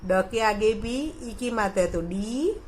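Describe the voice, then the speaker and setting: A woman's voice: medium pitch, a little slow, a little hiss or hum, poor audio. A woman teaching a recorded primary school lesson, patiently asking questions and answering them herself for the children.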